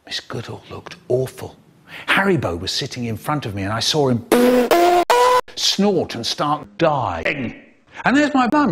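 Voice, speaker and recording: A man reading comic stories aloud in a very expressive way, making sound-effect noises and doing voices. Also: on the high side, slight background noise. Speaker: storyteller. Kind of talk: animated comic story reading.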